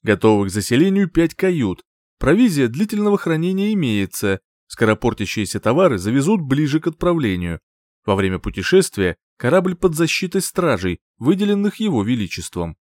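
A man reading an audiobook, voicing a brisk, courteous older sea captain who reports in a formal way. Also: mid-range voice, sing-song, darkish tone, no room sound, studio quality, close to an everyday voice.

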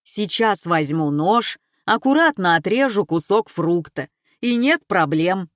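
A woman voicing a calm reassuring man. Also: medium pitch, unhurried, dry recording, clean studio sound, lightly acted. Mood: soothing. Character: calm man soothing his anxious friend.

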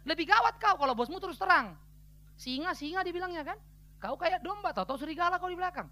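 A man's voice: very high voice, lively intonation, fast, pushed and bright. A man preaching a sermon as pastor, blunt and colloquial, speaking straight at the congregation and acting out what other people say. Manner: acts out quoted voices of other people.

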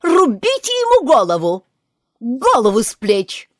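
A woman voicing a furious, commanding queen who shouts her orders, in a storybook reading. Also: high-pitched, wildly swooping pitch, a little slow, dry recording, studio quality, pitched above the performer's own voice, heavily acted.

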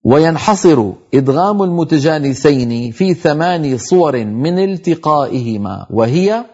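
A middle-aged man teaching tajweed on a televised lesson, explaining each rule and reciting the example words slowly. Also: fairly high pitch, expressive, darkish tone, husky, dull audio.

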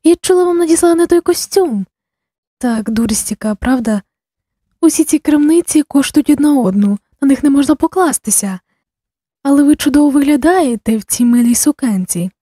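A woman's voice: high-pitched, lively intonation, normal speed, mellow, dry recording, studio quality. A woman reading as a chatty, effusive middle-aged bishop's wife at a costume ball. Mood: gushing. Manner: effusive, sociable.

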